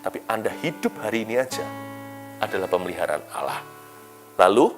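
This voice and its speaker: A man preaching a devotional sermon as a pastor, animated, moving between loud emphatic lines and quiet, soft asides, with English phrases mixed in. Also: lowish voice, brisk. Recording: soft guitar music behind.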